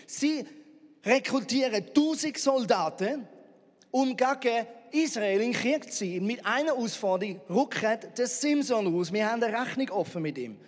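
A man, preaching a sermon as a lively, sarcastic Bible retelling full of rhetorical questions. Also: very high voice, moderate pace. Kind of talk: sermon storytelling. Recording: reverberant hall.

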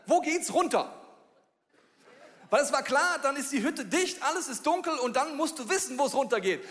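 Man from bavaria, preacher, fairly high voice, lively storyteller, long hall reverb. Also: quick pace. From Bavaria, Germany. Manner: lively, animated storytelling, chuckling often. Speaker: pastor. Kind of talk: sermon with a storytelling style. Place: church hall.

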